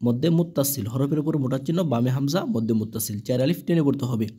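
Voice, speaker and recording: A man with a Bangladeshi Bengali accent gives a slow, letter-by-letter Quran reading lesson, spelling out each syllable before drawing out the joined word. His medium-pitched voice is very fast, dark and slightly rough.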